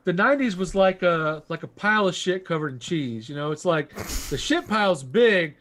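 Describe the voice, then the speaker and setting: A man's voice: high voice, lively intonation, normal speed, fairly bright tone. A man co-hosting a casual horror movie podcast, rambling, laughing often and cracking crude jokes. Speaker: podcast co-host.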